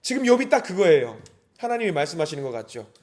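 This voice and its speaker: A man preaching an early-morning sermon in a church, swinging from hushed, slow words to impassioned crying out. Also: on the high side, big pitch swings. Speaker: pastor. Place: church sanctuary.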